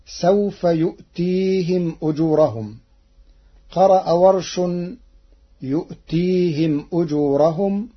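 A man's voice: on the high side, husky, muffled recording. A man giving methodical explanatory commentary on Quran recitation variants, from an archival radio broadcast. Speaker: recitation presenter.

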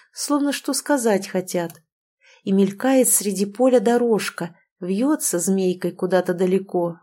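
A woman narrates an audiobook in an expressive, intimate way, as if telling the story to a friend. Her voice is mellow and soft-edged, and it sits at a medium pitch.

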